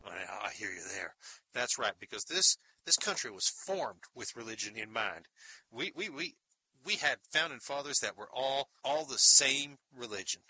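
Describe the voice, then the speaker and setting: Male caller, bright pushy sales voice, dry close sound. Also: medium pitch, expressive, normal speed, breathy edge, dry recording, low-quality recording. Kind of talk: comedy radio sketch.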